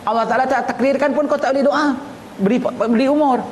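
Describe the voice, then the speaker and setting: Speaking very high-pitched, quite quickly, and with a steady tone, a Singaporean man with a Singaporean Malay accent lectures on religion as an Islamic teacher. He works through a text, explaining it colloquially and conversationally with rhetorical questions and phrases he keeps repeating. Clear background noise fills an echoey room.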